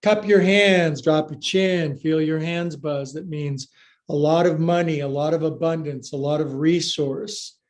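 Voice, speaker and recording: A man's voice: on the high side, steady tone, a little slow. A middle-aged man leading a live-streamed yoga class, giving short clipped commands and counts mixed with playful, folksy joking asides. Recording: echoey room sound.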